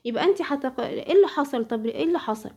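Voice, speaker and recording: A woman's voice: high-pitched, expressive, rapid-fire, a little mellow. A woman with an Egyptian Arabic accent teaches a tajweed lesson, speaking directly to a female student and asking questions that she then answers herself. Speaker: Quran recitation teacher.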